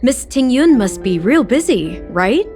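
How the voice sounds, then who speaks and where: Voicing a warm, effusive restaurant chef in a video game who loves telling stories, a woman speaks in a fond, admiring mood. Her fairly high, slightly mellow voice swings widely in pitch at an unhurried pace, over clearly audible game music in a studio recording.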